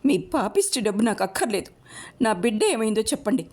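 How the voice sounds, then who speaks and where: A woman's voice: a little high, very animated, a little fast, a little mellow, voice pushed up. A woman voicing a poor young mother pleading tearfully for her child, in a storybook reading.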